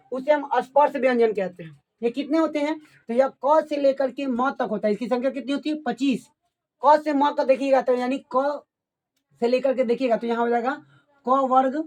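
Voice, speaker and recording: A woman teaching a grammar lesson. She asks questions and answers them herself, and she repeats key terms slowly. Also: sits high, a little mellow.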